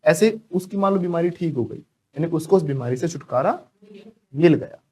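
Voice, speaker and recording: A man's voice: fairly high pitch, lively intonation, moderate pace, warm tone, husky. A man teaching spoken English to a class, drilling students to repeat phrases after him.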